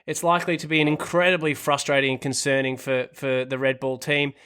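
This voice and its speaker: A man's voice: mid-range voice, flat delivery, fairly quick, fairly bright tone, smooth. A man co-hosting a casual podcast discussion, leading the talk with long recaps and questions to the others. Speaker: podcast co-host.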